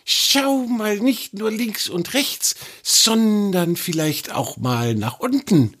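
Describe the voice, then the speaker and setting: High hissy little lady snake in a kids' story, guy putting it on, slow and drawn out, kinda husky. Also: expressive, fairly bright tone, full character voice. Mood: teasing. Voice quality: hissing. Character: small hissing female cave snake, fussy but friendly.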